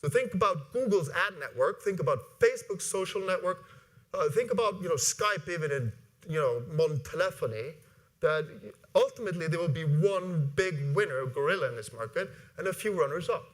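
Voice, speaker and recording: A man in his forties from Iceland, giving an animated conference talk from a stage, with many fillers and restarts. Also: a little high, brisk. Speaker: conference speaker. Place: large conference hall with audience. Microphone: lapel mic.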